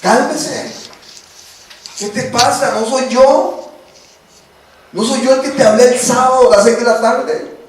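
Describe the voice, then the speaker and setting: An insistent, reassuring Jesus, voiced by a man in mid-sermon, stacking rhetorical questions in a raised pitch. It is heard from a distance in a booming, echoey hall. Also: fairly even intonation, measured pace, long pauses, a little hiss or hum. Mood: insistent reassurance.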